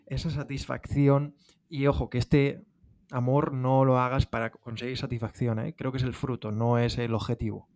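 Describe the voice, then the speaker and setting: A man's voice: medium pitch, dry recording. Reflective man, dry close sound. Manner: reflective, searching for words. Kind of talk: casual chat.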